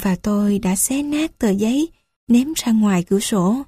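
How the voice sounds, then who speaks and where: A woman narrating a first-person story aloud in an unhurried, gentle reading. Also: mid-range voice, lively intonation, slightly rough, dry recording, clean studio sound. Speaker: audiobook narrator.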